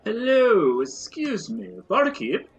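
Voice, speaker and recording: A man's voice: high-pitched, sing-song, takes it slowly, breathy edge, voice pushed up, full character voice. A man voicing a formal, eager adventurer who talks politely and stammers a little.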